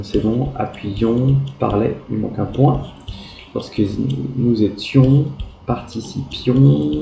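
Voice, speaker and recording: Slow, gravelly-voiced teacher spelling out letters. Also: male voice, mid-range voice. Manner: spells out letters, slow and patient, gentle praise. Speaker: primary school teacher. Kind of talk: correcting pupils' written exercises aloud. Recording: echoey room with faint background noise.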